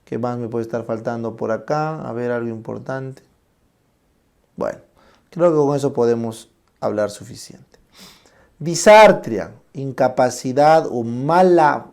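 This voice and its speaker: Male lecturer, gravelly voice, dark tone, slow explanations, frequent check-in questions. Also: mid-range voice. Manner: checks in often with tag questions; explains terms slowly, then shows them aloud. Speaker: medical lecturer. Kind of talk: classroom lecture.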